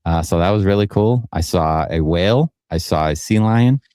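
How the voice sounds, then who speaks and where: A deep-voiced man co-hosts a casual sports podcast, telling stories in a relaxed, easygoing way. He swears freely as he talks. The sound is close and dry. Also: normal speed, smooth, no room sound. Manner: laid-back, profane storytelling. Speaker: podcast co-host.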